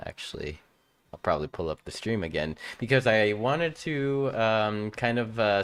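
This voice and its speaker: A man hosting a relaxed live-streamed talk show, born in Ecuador. He speaks slowly and easygoingly, with a lowish, smooth, clear voice. He hesitates with fillers and chuckles often. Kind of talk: casual live-stream interview.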